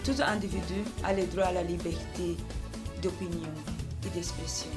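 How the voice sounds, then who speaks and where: A woman from Belgium answering interview questions as a political candidate, in a measured way with frequent hesitations. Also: fairly low pitch, little pitch movement. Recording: background music throughout.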